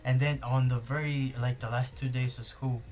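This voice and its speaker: Rambling through a casual podcast chat, this young man with a Spanish accent, Spanish being his native language, keeps filling gaps and restarting sentences. He speaks at a moderate pace in a medium-pitched, level, darkish voice.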